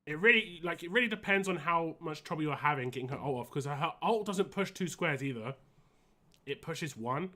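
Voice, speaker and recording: A man live-streaming a game in casual, rambling and halting chat, wheezy and short of breath with a cold. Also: on the high side, sharp tone.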